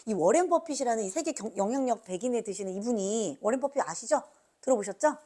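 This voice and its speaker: A woman's voice: a little high, expressive, fast talker, warm tone. A woman giving a motivational business seminar, emphatic and urging, throwing rhetorical questions at her listeners and acting out quotes. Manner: acts out quoted remarks. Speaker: motivational speaker training business team members.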